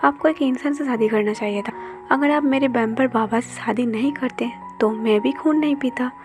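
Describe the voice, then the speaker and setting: Woman doing a sassy lil half vampire kid talking back, high voice. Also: normal speed, a little mellow, faint music behind, close to an everyday voice. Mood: defiant. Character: cheeky five-year-old boy, half vampire.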